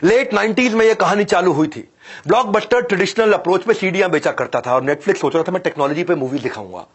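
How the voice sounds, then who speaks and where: Male business coach, fairly high, husky voice; punchy, repetitive motivational delivery with big swings in loudness. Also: expressive, brisk. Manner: emphatic, repeats phrases, swings from loud declarations to low drops; commands listeners to listen.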